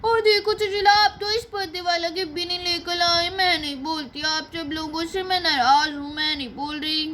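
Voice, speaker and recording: A woman's voice: extremely high pitch, steady tone, normal speed, a bit bright, a little hiss or hum. A woman voicing a spoiled younger sister who pouts and demands birthday gifts in a doll-play story. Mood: sulking. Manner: pouting, demanding.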